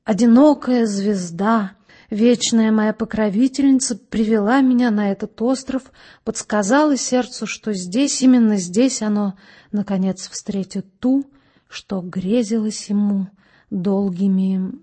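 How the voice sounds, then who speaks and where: Female reader as gallant police colonel, middle-aged man, fervent, exclaiming, dark husky tone, audiobook. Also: medium pitch, a little slow.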